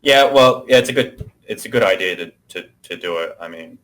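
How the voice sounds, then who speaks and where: Very deep-voiced hesitant man. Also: animated, brisk, fairly bright tone. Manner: hesitant, agreeable, filler-heavy. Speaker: voice chat participant. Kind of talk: casual chat.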